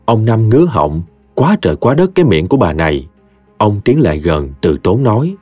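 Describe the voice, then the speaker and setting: A man with a Mekong Delta Vietnamese accent narrating a humorous story in a lively, expressive way. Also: on the low side, normal speed, husky, no echo. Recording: dry close studio voice, soft music behind.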